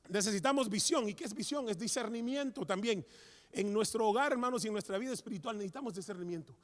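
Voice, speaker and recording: A man preaching a fervent sermon at a men's church meeting, constantly calling out to his brothers and rising to shouts. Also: high-pitched. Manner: fervent, repeats "hermano" constantly, rises to shouts. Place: church hall. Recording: long church-hall reverb.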